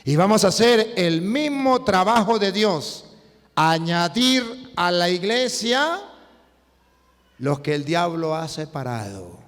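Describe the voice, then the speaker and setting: Priest guy preaching, highish voice, jumps loud and soft a lot, long echo tail. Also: slow pace. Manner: animated storytelling with sudden swings in pitch and loudness. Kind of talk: preaching sermon. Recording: long hall reverb.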